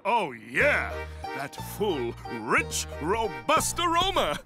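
A man's voice: high-pitched, huge pitch swings, takes it slowly, over music, exaggerated voice. A man voicing a goofy, clueless, pompously enthusiastic suburban dad in a cartoon. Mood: proud, gleeful. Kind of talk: cartoon voice acting.

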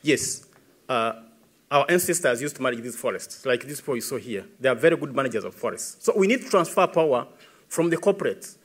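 A man's voice: medium pitch, lively intonation, brisk, slightly rough. Ugandan guy, earnest and insistent, talking into a podium mic in a big conference hall. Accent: Ugandan English. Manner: earnest, insistent, builds emphasis. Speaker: environmentalist witness. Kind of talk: answering questions at a tribunal. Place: large dark conference stage. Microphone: podium microphone.

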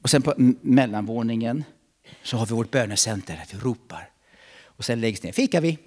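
A middle-aged man preaching a sermon in a church, switching between loud calls and hushed asides. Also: mid-range voice. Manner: animated, swings between shouting and hushed asides. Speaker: pastor.

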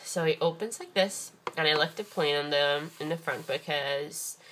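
A woman speaks in a strikingly deep register, her voice hoarse from the morning. She chats casually about a handmade craft, wandering from point to point. Her speech is full of ums and false starts. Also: normal speed, noisy background. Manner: chatty and rambling, many ums and restarts. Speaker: craft vlogger. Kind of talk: casual craft show-and-tell.

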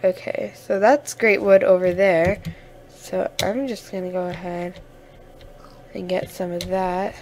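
A woman's voice: fairly low pitch, steady tone, unhurried, a little mellow, a little hiss or hum. A young woman giving casual, chatty commentary over a game, sniffling now and then and easily flustered. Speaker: gamer.

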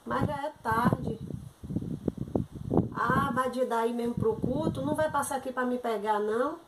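Speaking unhurriedly in a high voice, a female content creator performs a comic sketch as half of a phone call, alternately chatty, pleading, and exasperated. The recording is echoey, and background noise is loud.

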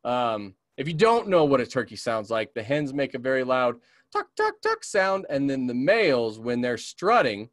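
A man's voice: medium pitch, big pitch swings, moderate pace, no echo, clean studio sound. A man from the American West teaching a beginner's bird identification webinar, often checking in with "okay?" and imitating bird calls. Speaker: community naturalist teaching a class. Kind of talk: webinar lesson.

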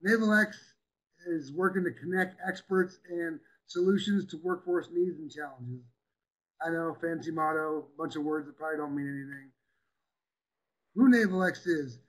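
A man giving a quick, upbeat, chatty presentation in an online meeting. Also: a little high, poor audio.

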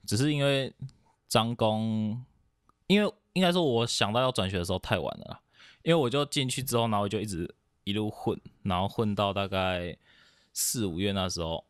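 Low-voiced young man, hesitant chat. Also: brisk, smooth, no room sound, clean studio sound. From Taiwan. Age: young adult. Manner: hesitant, rambling with many fillers and restarts. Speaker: podcast guest. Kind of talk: casual chat.

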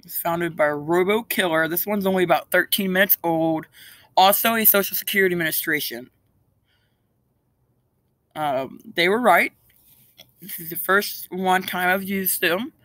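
A man's voice: high voice, moderate pace, long pauses, bright, forceful tone, no room sound. A teenage boy chatting casually outdoors as he calls spam numbers back to bait scammers. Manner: screening and baiting spam calls. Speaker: scam-baiting video maker. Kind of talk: casual prank calls and chat to camera. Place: outdoors beside a brick house.

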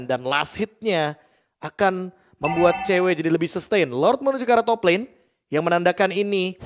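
A man calling an esports match live in an animated, emphatic fighting game announcer style. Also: sits high. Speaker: esports shoutcaster. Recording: music under the commentary. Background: music.

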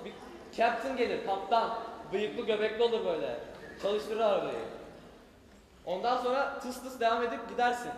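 A young man playing a loud, impatient street vendor who gives directions in blunt Turkish mixed with broken English. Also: very high-pitched. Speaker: student actor in a school stage sketch. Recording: echoey hall, faint noise.

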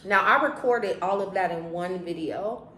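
A woman's voice: fairly low pitch, normal speed, sharp tone. An American woman in her thirties chatting casually to camera as a vlogger, with a lisp and whistling s sounds from braces. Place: living room, indoors on a sofa. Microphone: camera a short distance away. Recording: roomy echo, faint background noise.

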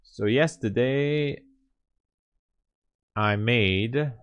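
A man in his late thirties, a day-trading livestreamer, chats casually from a small room, rambling and thinking out loud as he answers chat. His mid-range voice draws out words, and the sound is clean with no room echo.

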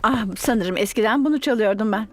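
A woman voicing a kindly, sensible, gently teasing mother pig in a children's cartoon dub. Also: a little high, fairly quick, slight background noise, natural voice. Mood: encouraging.

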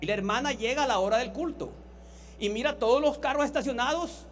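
A man's voice: very high-pitched, brisk, a bit bright, a little hiss or hum. A man preaching a sermon in a Honduran accent, telling anecdotes and repeating phrases for emphasis. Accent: Honduran Spanish.

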